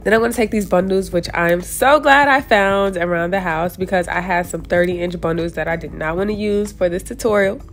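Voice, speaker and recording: Brisk and low-pitched, a congested-sounding young woman talks viewers through her hair tutorial while working, pausing only rarely. Her chatter is casual and full of self-corrections and restarts, and a faint hiss or hum sits under the recording.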